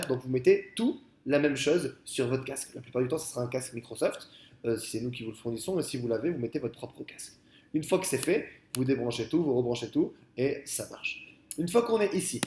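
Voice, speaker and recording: A man talking through a software tutorial in a casual, explanatory way, with many fillers and restarts, speaking into a headset. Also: mid-range voice, roomy sound. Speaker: software trainer. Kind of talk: screen-recorded software tutorial.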